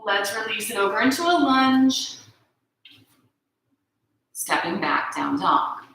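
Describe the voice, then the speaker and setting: Speaking slowly in a bright, clear mid-range voice, a woman leads a guided yoga flow. Her cues are calm and supportive, sprinkled with frequent "right?" check-ins, and the room is very echoey.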